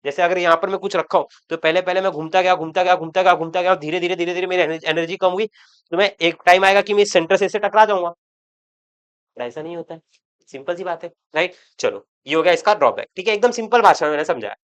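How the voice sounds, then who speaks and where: A man's voice: high-pitched, fast talker, a bit bright, clean tone. Chatty, joking male chemistry teacher. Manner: chatty, repeats words for emphasis; joking asides to students. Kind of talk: online exam-prep lecture.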